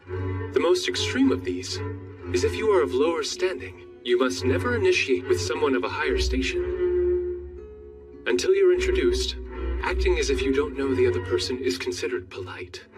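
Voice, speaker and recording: A man's voice: mid-range voice, lively intonation, moderate pace, close to an everyday voice. A man playing a polished, wry young prince in a dramatic English anime dub. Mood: measured, explaining. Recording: distant sound under loud music.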